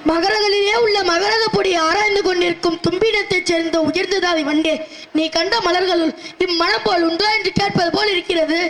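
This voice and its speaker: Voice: extremely high pitch, fairly even intonation, fairly quick, fairly bright tone. A performer playing a proud, haughty male poet who boasts and challenges in formal declamation. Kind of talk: Tamil stage-play acting.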